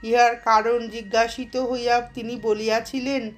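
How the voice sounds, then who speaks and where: A woman narrating a devotional story in a slow, measured, reverent reading. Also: on the high side, level tone.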